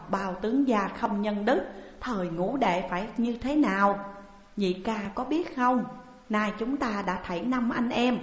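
A woman's voice: medium pitch, natural voice. A woman voicing a tearful younger sworn brother who pleads with his elder in an audiobook story. The recording is dull and echoey. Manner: weeping, imploring, emotional.

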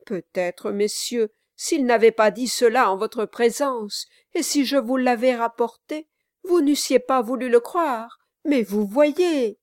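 A woman's voice: a little high, slow pace, a little mellow, dry recording, studio quality, pitched above the performer's own voice. A woman doing a sly oily lawyer. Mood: smug sneer. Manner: unctuous, mock-sorrowful, sneering. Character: scheming smooth-talking male lawyer, oily and sly.

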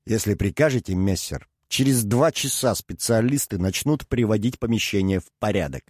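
A man's voice: fairly low pitch, normal speed, a little mellow, no room sound, studio quality, close to an everyday voice. A man voicing an obsequious, scheming servant who deferentially calls his master "messer". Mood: ingratiating. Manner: deferential, ingratiating. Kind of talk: audiobook character reading.

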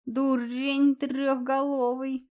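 A woman's voice: a little high, fairly even intonation, slow. Female narrator voicing a brash male cat familiar, growling, bellowing, raised voice, storybook.

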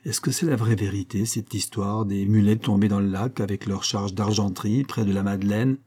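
A man's voice: lowish voice, fairly even intonation, moderate pace, dark tone, breathy edge. A man reading aloud, voicing a carefree, persistent young coachman in a coaxing, easy-going manner. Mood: sly, confiding.

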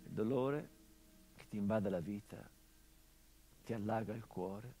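A middle-aged actor with a lowish voice delivers a theatrical monologue as a grieving son whose father was murdered. His delivery is measured, grave and introspective, and the recording is rough.

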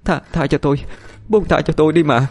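A man's voice: a little high, brisk, a little mellow, a little hiss or hum, pitched above the performer's own voice, natural voice. A man voicing a frightened young wife who begs for mercy. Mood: pleading. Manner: pleading. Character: terrified pregnant young wife.

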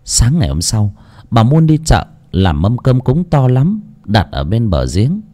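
A man narrating a horror story in a dramatic, expressive reading. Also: mid-range voice, unhurried. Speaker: audiobook narrator. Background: soft music.

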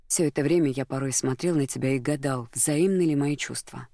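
A gentle, earnest lawyer in love, played by an audiobook reader, soft and caring in tone with a gravelly texture. The sound is dry and close. He speaks seriously and tenderly, like a leading man in a romantic audiobook. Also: medium pitch, a little fast, no room sound, lightly acted.

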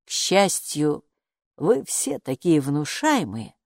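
A woman voicing a magical talking bathrobe, a calm male know-it-all who speaks in an unhurried, patronizing way in a storybook. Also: lowish voice, no room sound, studio quality. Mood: sly patronizing. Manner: unhurried, patronizing, calls her "friend".

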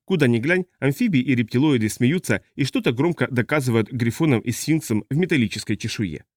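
A man reading an audiobook as narrator, measured and even. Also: medium pitch, no room sound, studio quality. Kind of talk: scripted narration.

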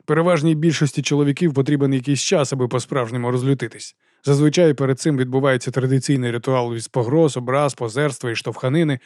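A man's voice: medium pitch, no echo. Man narrating an audiobook, dry sound. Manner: measured, expressive reading. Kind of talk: scripted narration.

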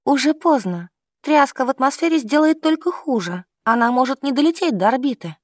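A woman voicing a calm, commanding adult woman doctor who takes charge in a crisis. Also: sits high, fairly quick, no room sound, clean studio sound. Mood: firm.

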